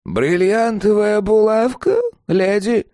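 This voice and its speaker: A man's voice: high voice, slow pace, mellow, no room sound, clean studio sound, pitched above the performer's own voice. A man voicing a servile, frightened old pawnbroker with a wheezy, trembling voice. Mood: fawning.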